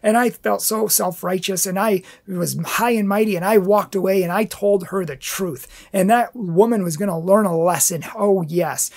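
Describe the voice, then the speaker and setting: A man's voice: sits high, moderate pace, few pauses, a little mellow. A man giving an earnest, impassioned inspirational talk, telling a personal story as a pro-life speaker.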